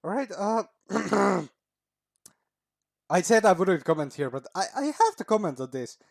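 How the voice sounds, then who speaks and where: A man's voice: high-pitched, big pitch swings, measured pace, gravelly, dry recording. Casual swearing man reacting, dry sound. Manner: casual, swears often, laughs at his own points. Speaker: reaction video host.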